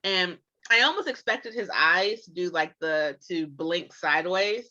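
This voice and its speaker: A woman co-hosting a podcast, reviewing an episode in casual chat, animated and playful, acting out her own reactions. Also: lowish voice, measured pace, lo-fi sound. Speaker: podcast co-host.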